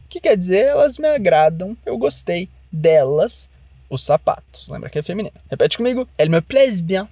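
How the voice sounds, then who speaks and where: A French teacher gives a language lesson, modeling phrases slowly and carefully so the listener can repeat them. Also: medium pitch, a little mellow, slightly rough, dry recording.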